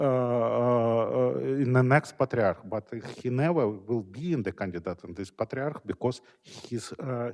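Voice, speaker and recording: A man on an academic panel speaking haltingly, often groping for the next word. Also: medium pitch, darkish tone. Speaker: lecture speaker. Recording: reverberant lecture hall.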